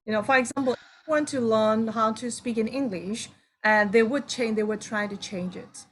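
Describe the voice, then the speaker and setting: A woman's voice: a little high, normal speed, a little hiss or hum. A woman teaching an online English class, patiently explaining with many "you know"s. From Myanmar.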